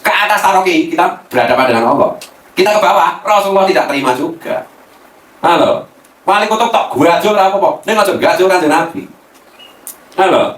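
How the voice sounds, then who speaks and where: Animated cleric speaking from afar. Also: male voice, sits high, a little fast. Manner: animated, mixes Javanese slang, laughs often. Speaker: Islamic cleric. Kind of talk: casual religious talk. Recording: roomy, from a distance, faint noise.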